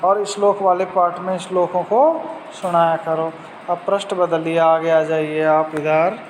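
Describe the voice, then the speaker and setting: In a recorded Sanskrit class, a man with a Hindi-speaking Rajasthani accent speaks slowly, repeating each word and its meaning and addressing his students directly. His voice is fairly high and steady in tone, and the reverberant room carries faint traffic noise.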